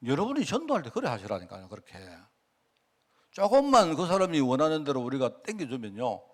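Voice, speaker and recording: A male pastor giving a sermon in a chatty, engaging way. His voice sits a bit high for a man and swings up and down a great deal. He keeps checking in with the congregation through rhetorical questions, and his speech carries dialect turns of phrase.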